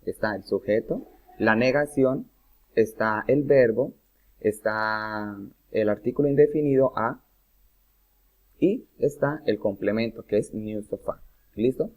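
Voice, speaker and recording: A man's voice: lowish voice, a little slow, long pauses. Man teaching on a tinny line. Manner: patient, checks in with "¿listo?" after each point. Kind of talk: recorded grammar lesson. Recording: phone-like narrow audio.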